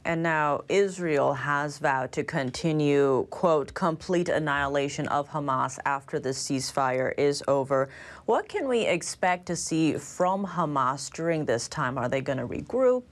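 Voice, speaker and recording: A woman's voice: low voice, animated, unhurried. A woman interviewing a guest, putting formal questions in a news style.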